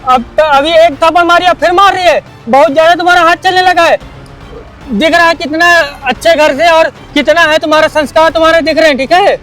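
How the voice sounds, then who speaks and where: Brief: man, unusually high voice, firm and indignant, faint music behind. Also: a little fast, a bit bright. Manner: polite but firm, indignant. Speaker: scrap dealer hiding his wealth in a short film. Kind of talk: scripted dramatic acting.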